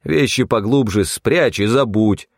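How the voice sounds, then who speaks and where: A man's voice: on the low side, measured pace, vocal fry, no echo, studio quality. A man voicing a wary, bossy old mentor who scolds in blunt, folksy talk. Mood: grumbling. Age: older.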